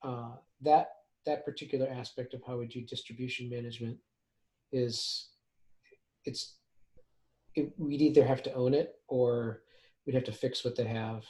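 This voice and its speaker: A man's voice: medium pitch, fairly even intonation, moderate pace, long pauses, warm tone. A man leading a technical meeting over a video call, talking casually with a dry, sarcastic humor. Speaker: meeting lead. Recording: roomy video call audio.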